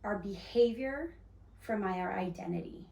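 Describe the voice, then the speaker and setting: A woman's voice: medium pitch, measured pace, vocal fry, darkish tone. Woman explaining earnestly in an echoey room. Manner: earnest, explanatory, many restarts and fillers. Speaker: podcast host. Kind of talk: casual faith-based discussion. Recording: echoey room, mic at a distance.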